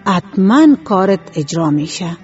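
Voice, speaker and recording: Lady putting on a slick fake angel, ceremonious, soft music under it. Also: fairly low pitch, very animated, muffled recording. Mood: smooth. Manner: smooth-talking, ceremonious. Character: sly thief posing as an angel.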